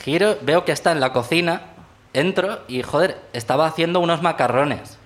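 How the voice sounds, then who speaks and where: A man's voice: fairly high pitch, moderate pace. A man telling an embarrassing story on a live stage show, self-deprecating and laughing at himself. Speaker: audience member telling a story. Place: live theater show with audience.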